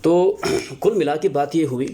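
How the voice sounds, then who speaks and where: An earnest male teacher gives a lecture with a mellow, relaxed tone. His voice sits a little high for a man, and he pauses often on fillers as he works out his points. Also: husky. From Pakistan. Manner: earnest, explanatory, with many filler pauses and restarts. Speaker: Urdu teacher. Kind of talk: spoken lecture on teaching Urdu.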